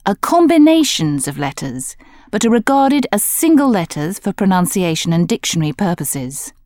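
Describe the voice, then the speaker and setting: A woman giving scripted instructional narration for a language course, explaining in a clear, measured manner. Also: medium pitch, very animated, dark tone, dry recording, studio quality.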